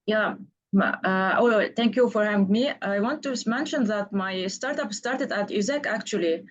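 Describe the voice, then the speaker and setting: A woman's voice: mid-range voice, normal speed, lo-fi sound, slight background noise. A woman from Lebanon, a startup founder speaking on an online panel over an unstable mobile data connection, explaining earnestly step by step. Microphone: video call over 4G.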